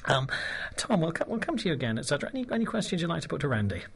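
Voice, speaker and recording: A man's voice: a little high, big pitch swings, rapid-fire, creaky, slightly rough. A British man hosting a radio show, chatting in a rambling, friendly way and laughing often. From Britain. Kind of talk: casual radio chat.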